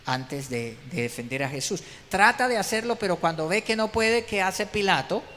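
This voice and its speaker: Pastor preaching in a reverberant hall. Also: male voice, sits high, lively intonation, normal speed, sharp tone. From Colombia. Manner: emphatic, rhetorical questions to the congregation. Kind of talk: sermon. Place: church hall. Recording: long hall reverb, faint background noise.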